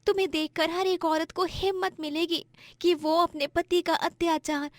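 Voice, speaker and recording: A woman voicing an admiring village woman who earnestly praises the heroine in an animated story. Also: very high-pitched, normal speed, no room sound, voice pushed up. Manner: earnest, encouraging.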